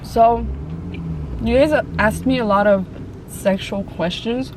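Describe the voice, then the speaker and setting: A woman chatting casually and haltingly to viewers in slangy, informal speech while eating, sometimes with her mouth full. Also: a little high. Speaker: mukbang vlogger. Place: open-top Jeep outdoors. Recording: clear car and outdoor ambient noise.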